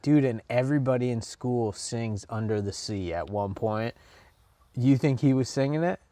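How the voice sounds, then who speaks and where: A man's voice: mid-range voice, normal speed, mellow. A young man co-hosting a podcast, chatting casually and telling joking stories. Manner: joking, storytelling, laughs often. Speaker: podcast co-host. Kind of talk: casual chat.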